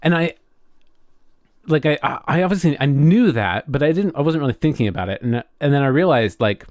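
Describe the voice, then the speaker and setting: Slightly high and expressive yet dark in tone, this man's voice comes through a dry, studio-quality recording. He co-hosts a podcast conversationally, interrupting himself frequently and restarting sentences as he thinks.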